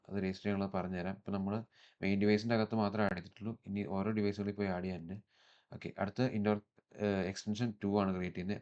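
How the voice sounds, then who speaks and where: A man with a low voice and a Malayali accent presents an instructional software tutorial step by step, using English technical terms along the way. The audio has a dull quality.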